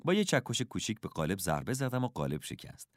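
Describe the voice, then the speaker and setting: A man reading a first-person story aloud, expressive and measured. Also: on the low side, no echo, studio quality. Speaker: audiobook narrator.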